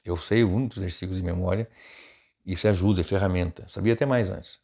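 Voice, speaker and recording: A pastor talks off the cuff, his voice low and gravelly. His manner is chatty and informal, full of quick asides and tag questions. The recording sounds dull and lo-fi. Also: steady tone, mellow. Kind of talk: unscripted preaching advice.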